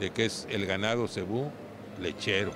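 Speaking into a handheld mic at a big indoor livestock show, an older Mexican man in his seventies, a cattle breeder, responds to an interviewer and often tacks on brief tag questions. His pitch is fairly low and his pace moderate, with loud music behind him amid the hall's noise.

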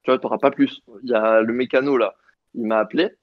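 A man's voice: medium pitch, steady tone, fast, no room sound, lo-fi sound. A young man calling in and chatting casually, hesitant and full of fillers. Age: young adult. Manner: hesitant, filler-heavy, speaks softly. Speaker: caller. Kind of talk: casual chat.

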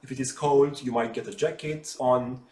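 Gesturing as he talks, an RPA developer patiently explains things in simple terms to children in a bright living room with a sofa. His mid-range voice is steady in tone, a little mellow, and moderately paced. The mic is far away, so his off-mic voice echoes through the room in this friendly explainer.

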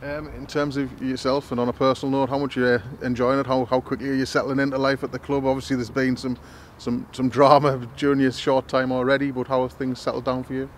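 A man's voice: mid-range voice, level tone, quick pace, hardly any pauses, slight background noise. A man interviewing a player after a match outdoors, asking leading questions that back the club.

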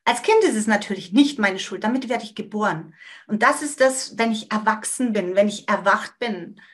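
A woman giving a motivational coaching talk to her audience. She speaks emphatically, repeats phrases, and lets sentence ends trail off quietly. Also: mid-range voice, lively intonation, normal speed. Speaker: manifestation coach.

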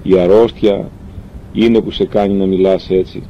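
Man voicing grieving mother, anxious, pleading, dull lo-fi sound, faint rumble. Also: level tone, lightly acted. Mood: worried.

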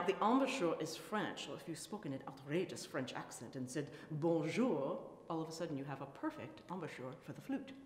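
A low-voiced woman with a very lively, animated delivery explains things with playful enthusiasm. Her voice rings out in an echoey space with a long reverb tail. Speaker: flutist and museum presenter. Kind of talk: educational presentation.

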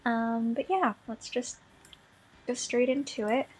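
A woman's voice: on the high side, fairly even intonation, slow pace, breathy edge, poor audio. A young woman doing casual commentary on her gacha game pulls, bubbly and gushing, giggling and apologizing as she talks, a little under the weather. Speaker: gaming vlogger. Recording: faint background game music.

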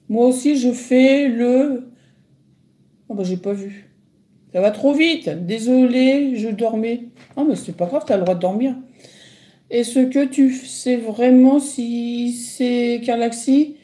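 A middle-aged woman with a fairly high, warm voice chats casually on a phone livestream. She reads viewers' comments and answers them, filling her speech with lots of hesitant fillers.

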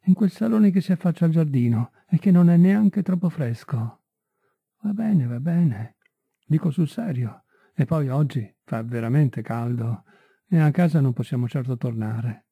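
A man voicing a pale, distracted young man who speaks in halting bursts, on a tinny, dry recording. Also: fairly high pitch, lively intonation, vocal fry, slightly rough, no echo, heavily acted. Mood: distracted, tense.

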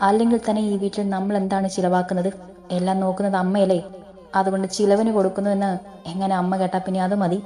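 A woman's voice: mid-range voice, level tone, fast, mellow, natural voice. A woman voicing a grown son who grumbles with irritation. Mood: irritable.

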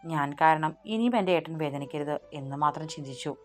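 A woman voicing a grieving young wife who speaks in a halting, pleading way, read in an audiobook story. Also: low voice, faint music behind, lightly acted. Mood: tearful pleading.

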